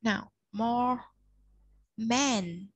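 A woman's voice: on the high side, very slow, no room sound. A woman tutoring a child one-on-one, patiently explaining step by step and prompting the learner to answer. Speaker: English tutor.

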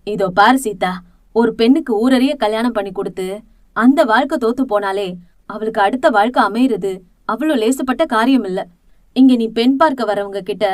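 A woman's voice: on the high side, no room sound, studio quality, close to an everyday voice. A woman voicing a blunt, protective older matriarch who lectures firmly in an audiobook drama. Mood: scolding. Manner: scolding, firm and lecturing.

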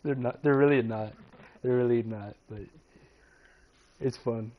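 A man's voice: medium pitch, fairly even intonation, a little slow, narrow, tinny audio. A man with a hyped gamer-bro manner, giving slangy, repeated callouts to teammates in casual game chat. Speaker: online team gamer. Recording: game voice chat with background noise.

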